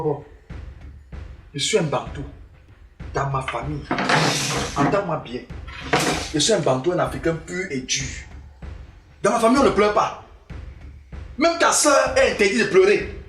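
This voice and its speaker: A woman's voice: medium pitch, natural voice. Woman doing a bossy dad, keeps repeating himself, mocking, far off mic in an echoey room. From western Cameroon. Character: stern proud African father, scolding patriarch. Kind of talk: comedy skit acting. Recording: roomy, distant mic, faint music.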